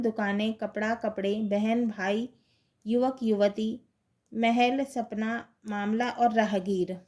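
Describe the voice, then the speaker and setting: A woman's voice: a little high, a little mellow. A woman teacher giving a school lesson to children, with an Indian Hindi accent, who repeats each answer and asks and answers her own questions.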